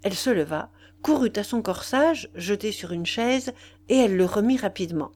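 A woman narrating a literary audiobook with expressive, dramatic storytelling. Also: mid-range voice, moderate pace. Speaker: audiobook reader.

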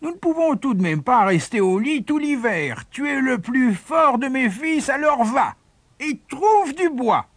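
A man's voice: extremely high pitch, big pitch swings, unhurried, a bit bright, dry recording, voice pushed up, exaggerated voice. A man voicing a stern mother scolding her sons in a fairy tale.

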